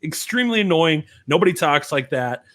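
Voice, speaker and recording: A man in his thirties from the American Midwest co-hosting a casual film review podcast, joking around and animated. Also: fairly quick. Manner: animated, jokey, jumps to high pitch for emphasis. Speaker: podcast co-host.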